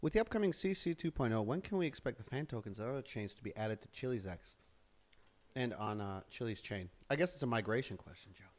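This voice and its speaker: A man's voice: mid-range voice, animated, quick pace. A man from the United States co-hosting a casual chat show while eating hot peppers, chatty and often trailing off mid-sentence. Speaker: co-host.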